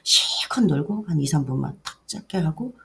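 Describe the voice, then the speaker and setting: A middle-aged woman, a daycare director, earnestly explaining her program to parents, with sentence ends that trail off softly. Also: deep voice, animated, normal speed, gravelly. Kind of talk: education briefing for parents.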